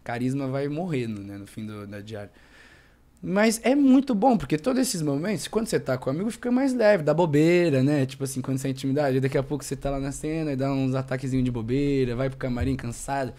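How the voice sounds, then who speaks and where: Fast-talking young man, slangy and rambling. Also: medium pitch, mellow. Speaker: actor guest. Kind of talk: casual podcast chat.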